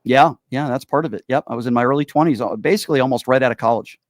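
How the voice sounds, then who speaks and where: A man's voice: mid-range voice, rapid-fire, no room sound, clean studio sound. A man in his forties from Connecticut, hosting a casual chat show and rambling with fillers and repeated yeps. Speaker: show host.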